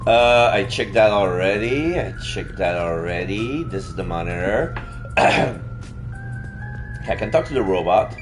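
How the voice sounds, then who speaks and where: A man's voice: lowish voice, lively intonation, measured pace. A man playing a video game, commenting casually and playfully and reading the on-screen text aloud. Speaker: let's play streamer. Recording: background music under the voice.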